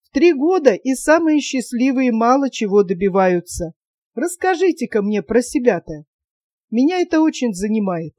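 A woman's voice: fairly high pitch, big pitch swings, moderate pace, warm tone, no echo. A woman voicing a reserved young man of modest means in a storybook reading, giving short, plain replies.

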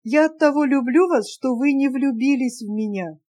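A woman voicing an excitable, affectionate young woman in love, eager and emotional, in an audiobook reading. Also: high voice, moderate pace.

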